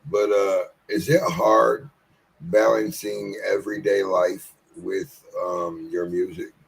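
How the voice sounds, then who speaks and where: A man's voice: low voice, little pitch movement, slow, creaky, husky, rough recording. A man in his late forties hosting a casual interview, laid-back and encouraging, with frequent swearing. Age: 40s. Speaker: podcast host interviewing. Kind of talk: casual chat.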